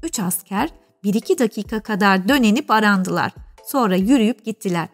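A woman narrates a children's classic in a calm, measured, expressive way at a middle pitch. Faint music plays beneath her voice. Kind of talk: storybook reading.

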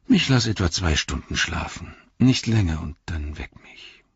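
A man reads a weary hobbit hero in an audiobook. His voice is deep and very husky, and he speaks quietly and earnestly. The sound is dry and a little dull. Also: animated, unhurried, no room sound, exaggerated voice. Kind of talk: audiobook character voice.

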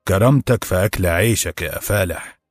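A man voicing a gruff, hot-tempered head cook with a harsh, gravelly voice and an Egyptian accent, barking insults. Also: low-pitched, a little fast, dry recording, studio quality, soft background music. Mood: angry. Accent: Egyptian Arabic.

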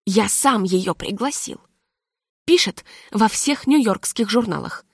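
A woman's voice: medium pitch, animated, slow, vocal fry, breathy edge, dry recording, clean studio sound, full character voice. A woman voicing a bustling, self-important young man in a story reading. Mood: busy.

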